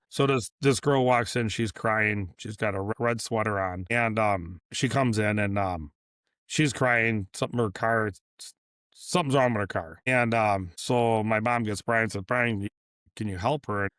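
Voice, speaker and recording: Brief: deep-voiced man, business owner guest, loose storytelling, dry close sound. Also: fairly bright tone, dry recording. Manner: rambling, repeats and restarts, acts out dialogue. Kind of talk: casual storytelling interview.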